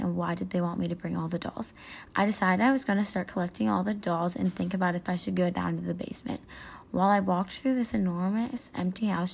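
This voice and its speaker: A woman narrating a first-person scary story in a hushed way, often sinking into a whisper. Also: mid-range voice, creaky.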